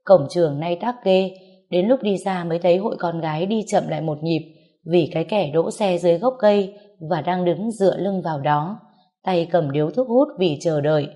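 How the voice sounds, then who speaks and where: A woman narrates a story in an even, storytelling manner. Her voice is mellow and dark, pitched a little low. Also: normal speed, echoey room.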